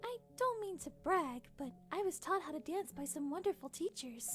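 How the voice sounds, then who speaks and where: An actress playing a shy, kindly young pony princess in a cartoon fantasy, earnest and a little hesitant. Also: female voice, extremely high pitch, lively intonation, normal speed. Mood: encouraging. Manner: soft-hearted, hesitant and earnest.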